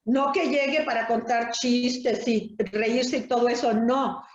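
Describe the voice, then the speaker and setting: A Mexican woman with a high voice answers interview questions in an earnest, explaining tone and often ends her points with a quick tag question. The sound is roomy and slightly dull, as if recorded over a video call. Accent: Mexican Spanish. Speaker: thanatologist.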